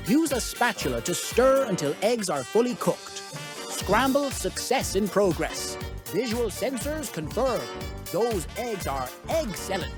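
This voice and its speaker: A woman doing a perky robot chef voice. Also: mid-range voice. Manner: robot voice, beeping, computer-style announcements. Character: cheerful female robot kitchen helper for kids. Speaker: host of a kids' cooking show. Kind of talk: scripted children's show.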